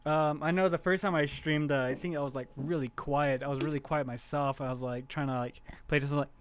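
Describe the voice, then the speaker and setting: Halting, soft-spoken man streamer. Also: fairly high pitch, steady tone, smooth. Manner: hesitant, halting, many restarts. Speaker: podcast guest streamer. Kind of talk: casual chat.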